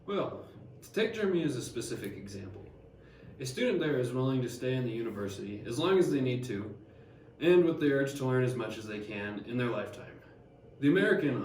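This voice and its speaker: A man's voice: medium pitch, a little mellow, a little hiss or hum, natural voice. A young man playing Harriet Martineau, a learned older woman, reading lines plainly with small stumbles. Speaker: student actor. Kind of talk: amateur class skit read from script. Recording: echoey room, distant mic.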